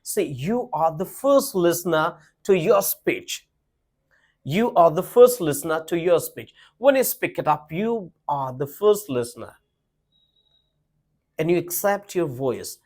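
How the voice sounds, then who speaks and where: A man's voice: fairly high pitch, animated, measured pace, darkish tone. A man teaching a lesson, emphatic and repetitive, asking the viewers rhetorical questions. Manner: emphatic, repeats points, asks rhetorical questions. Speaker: English teacher. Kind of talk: spoken English lesson to camera.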